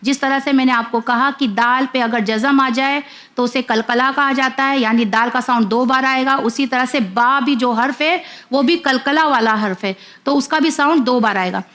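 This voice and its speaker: Brief: a woman with a high voice as a patient children's reading teacher, spelling each syllable out and repeating it twice. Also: a bit bright. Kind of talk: slow letter-by-letter lesson for kids.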